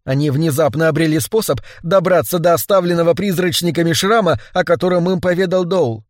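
A man narrating a novel aloud in a steady, measured reading style. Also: on the high side, dry recording, clean studio sound. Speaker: audiobook narrator. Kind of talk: scripted narration.

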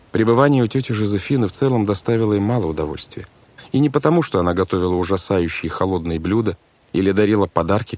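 Deep-voiced male audiobook narrator. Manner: measured, expressive storytelling. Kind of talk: scripted narration. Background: music.

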